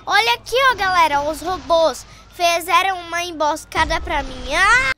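A Brazilian woman hosting gameplay commentary in an excitable, exclaiming, panicking manner. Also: very high voice, moderate pace, noisy background. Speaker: gaming channel host.

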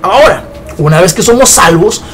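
A man's voice: high-pitched, lively intonation, normal speed, a bit bright, slight background noise. A man giving an informal Bible teaching, talking conversationally and often checking in with his listeners. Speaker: preacher.

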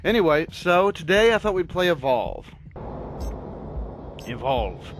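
A man's voice: sits high, expressive, moderate pace. A man hosting a gaming video, chatting casually and explaining the rules as he plays. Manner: chatty, explains game rules while playing. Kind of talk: casual gameplay commentary. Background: game music.

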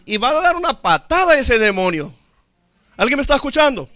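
A male pastor preaching a sermon. He speaks with emphasis, swinging from loud to hushed and calling on the congregation to answer. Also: very high-pitched, very animated, fairly quick, no room sound.

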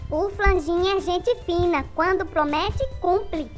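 A woman acts out a gullible, cheerful small boy from a comic strip. The voice is very high and takes its time, with L sounds in place of R. Music runs behind. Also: slow. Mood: excited, hopeful. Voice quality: says L in place of R. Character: eager, gullible little boy with childish speech. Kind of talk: comic-strip character voicing.

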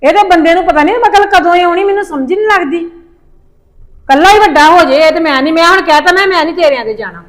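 Woman playing a high-voiced scolding Punjabi mother. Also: expressive, fast talker. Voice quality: sharp, scolding, complaining. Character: bitter scolding Punjabi mother, middle-aged. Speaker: mother-in-law. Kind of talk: village family drama.

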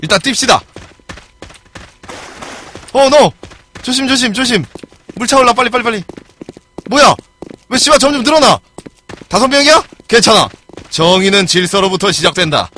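A male game streamer with a high voice that swings widely as he talks his way through a match. He gets excitable and swears and yells at other players. Clear game noise and clicking run behind him. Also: moderate pace, long pauses. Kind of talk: live gameplay commentary.

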